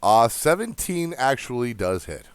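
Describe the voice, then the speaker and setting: A man's voice: medium pitch, big pitch swings, measured pace, smooth, no echo. A man running a tabletop game as game master, bantering casually, laughing often and swearing freely.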